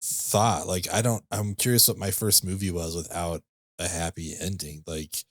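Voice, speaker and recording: Casual podcast host, male, deep voice, dry recording, enthusiastic. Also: flat delivery, moderate pace, dry recording. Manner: enthusiastic, laughs often. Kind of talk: casual chat.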